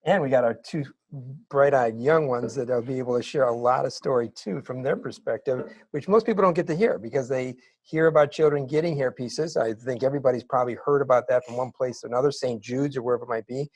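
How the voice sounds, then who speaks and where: A middle-aged man telling his story as an interview guest, animated and building to excited bursts. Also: medium pitch, quick pace, no room sound. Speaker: interview guest, wig maker.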